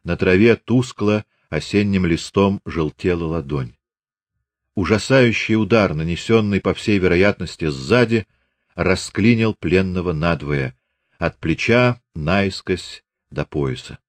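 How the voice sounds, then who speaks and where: A man narrating a classic novel as an audiobook in a steady, measured reading. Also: deep voice, no room sound. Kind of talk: scripted literary narration.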